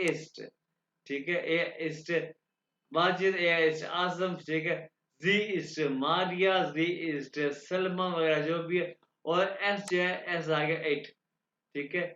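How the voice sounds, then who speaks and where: A man teaching a language lecture. He explains slowly and repeats himself, stopping often to check that the students follow. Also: fairly high pitch, pushed and bright. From Pakistan. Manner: slow and repetitive, checking understanding with the students. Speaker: German teacher. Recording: echoey room, dull lo-fi sound.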